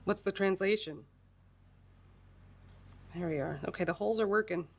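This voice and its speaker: At a medium pitch and moderate pace, a woman from the United States chats through her crafting livestream. She's casual and self-deprecating as she works, with frequent laughter and a slightly stuffy voice.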